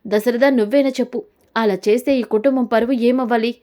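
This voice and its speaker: A woman's voice: fairly high pitch, steady tone, a little fast, mellow, natural voice. A woman voicing an old grandmother who defends and scolds her granddaughter. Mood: scolding.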